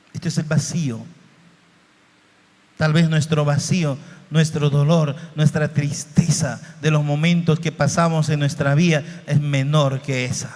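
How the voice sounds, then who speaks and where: A man from Bolivia preaching a sermon slowly and emotionally, with dramatic shifts in his voice. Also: a little high. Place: church hall. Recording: reverberant hall.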